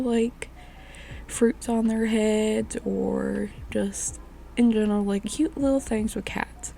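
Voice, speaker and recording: A young woman speaks in a deeply gravelly, hoarse voice, raspy from a chest illness. Her tone is soft and mellow, and she rambles along in a chatty, casual voice-over. A faint hiss sits behind her. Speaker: craft vlogger. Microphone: voice-over mic.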